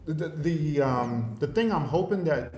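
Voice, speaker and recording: A man, a father and host, chatting casually in a measured, halting way with frequent pauses. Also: a little high, animated, darkish tone. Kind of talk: casual livestream chat. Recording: roomy echo, faint noise.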